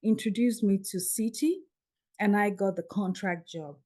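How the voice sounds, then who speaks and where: As a guest on a podcast, a medium-pitched Nigerian woman in her fifties tells her story at a normal speed. Her telling is lively, and she performs the dialogue herself.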